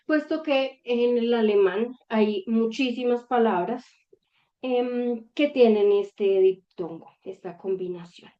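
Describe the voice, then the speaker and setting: Patiently and very deliberately, a woman who teaches German walks viewers through a language lesson, frequently pausing to ask them quick questions. She speaks at a middle pitch, and the audio comes across slightly dull and lo-fi.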